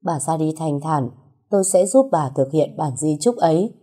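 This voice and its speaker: A woman's voice: deep voice, lively intonation, moderate pace, warm tone, husky. A woman voicing a solemn older man who leads a gang after a death. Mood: grieving. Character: grieving older man, gang elder and executor.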